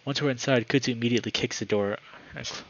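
A man's voice: mid-range voice, quick pace, muffled recording, slight background noise. A man reading a visual novel aloud for his channel, narrating dramatically with the odd casual aside. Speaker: gaming YouTuber.

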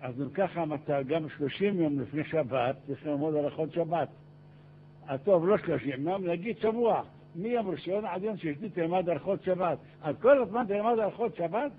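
An older man, a rabbi, giving a Torah lecture, telling stories and acting out the dialogue in a raised voice. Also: a little high. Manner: animated, acts out dialogue in raised voice. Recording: tinny phone-like archive recording with hiss.

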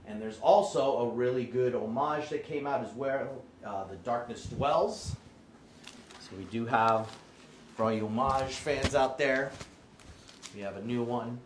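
An upbeat man chats to his viewers as he shows off merchandise, his voice sitting at an ordinary middle pitch. His words bounce around a roomy, echoey space, with a faint hum of ambience beneath them, and he has the hiccups. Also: measured pace. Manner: upbeat, chatty, with frequent ums and hype. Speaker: host of a live shopping stream. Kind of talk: casual chat to viewers.

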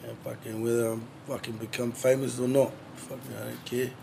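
A man's voice: medium pitch, flat delivery, fairly quick, gravelly, noisy background. A man chatting casually as a guest, laid-back and full of swearing and slang. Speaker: drummer, interview guest. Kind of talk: casual chat.

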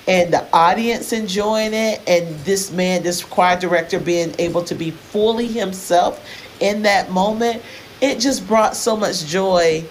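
A woman podcast host in a conversational interview, reflective and speaking with frequent pauses. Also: mid-range voice, a little hiss or hum, poor audio.

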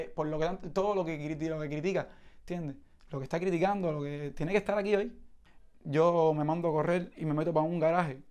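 A man from Cuba with a Cuban accent, giving spoken testimony in an animated storytelling way, with frequent restarts and imitated sounds. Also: on the high side, clear, resonant tone. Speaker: protest participant giving testimony.

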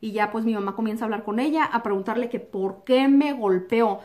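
Young woman vlogger, lively storytelling, voice sits a bit high, acts out the scenes. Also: fairly quick. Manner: animated, acts out quotes and sound effects like "pum"; drops English words into Spanish. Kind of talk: personal storytelling to camera.

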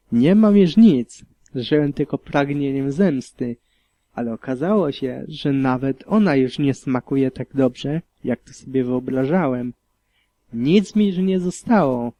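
A man narrates a story in the first person with a somber, reflective delivery. His voice is dark and mellow. The recording is dry and close. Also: medium pitch, a little slow, no echo. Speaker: audiobook reader.

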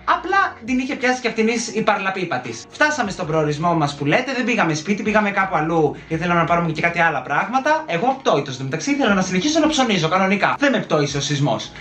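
A man telling a dramatic story time to his viewers in a casual, animated way, acting out the lines of the people in it. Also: high voice, hardly any pauses. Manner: animated, dramatic retelling with acted-out quotes. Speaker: storytelling vlogger. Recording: roomy echoey room.

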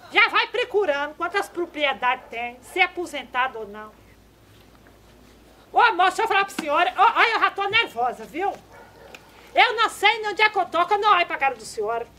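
Vó Armelinda, a squeaky fussy granny. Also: female voice, sharp tone, slight background noise, full character voice. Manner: rustic countryside speech, squeaky and fussy. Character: nagging elderly countrywoman granny, easily flustered. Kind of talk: comedy sketch.

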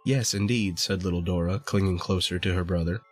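A man reading a classic holiday storybook aloud in a measured storytelling manner. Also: sits low, little pitch movement, faint music behind. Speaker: podcast host reading a story. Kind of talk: storybook narration.

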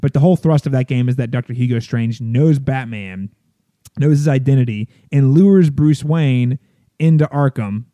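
Mellow-voiced man chatting, hesitant. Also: mid-range voice, moderate pace, no room sound, lo-fi sound. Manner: chatty, hesitant, restarts often. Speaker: podcast co-host, film critic. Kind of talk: casual chat.

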